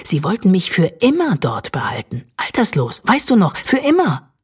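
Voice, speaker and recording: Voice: mid-range voice, lively intonation, moderate pace, husky. An audiobook narrator voicing an anxious but clever young boy who talks earnestly. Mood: explaining. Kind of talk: audiobook reading.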